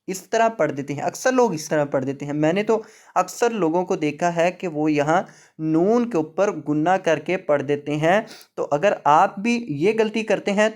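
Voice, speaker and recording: A man teaching Quran reading, slowly spelling words letter by letter and patiently repeating the rules. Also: high voice, darkish tone. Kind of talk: online tajweed lesson.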